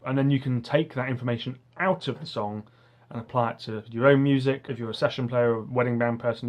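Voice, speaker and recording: Male online tutor, mid-pitched, says w for r; casual, earnest, enthusiastic, a bit rambling. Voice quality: soft R sounds, says w for r. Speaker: guitarist and online music teacher. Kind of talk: casual talk to camera.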